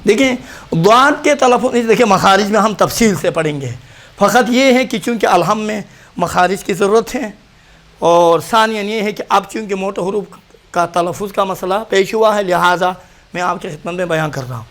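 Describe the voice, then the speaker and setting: High-voiced male Quran recitation teacher. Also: a bit bright. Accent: Pakistani Urdu. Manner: demonstrates letters by repeating them, then explains. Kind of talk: practical pronunciation lesson.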